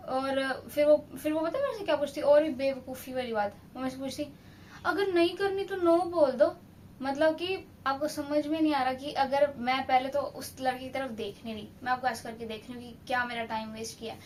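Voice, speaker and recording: A young woman with a high, bright voice tells a story in an animated, indignant way, often turning to scold the viewer. A faint low rumble runs underneath. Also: a little fast, hardly any pauses. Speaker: storytelling vlogger. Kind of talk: casual storytime monologue.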